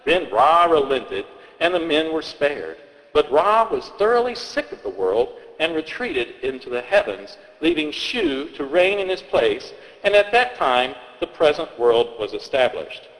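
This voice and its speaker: A man rambles through old folk tales, stumbling and restarting his sentences as he goes. His voice is bright and lively, and a long hall reverb trails behind it. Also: fairly high pitch, unhurried. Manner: rambling, hesitant, with many restarts and fillers. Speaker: storyteller. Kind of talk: comic storytelling, reading folk tales aloud.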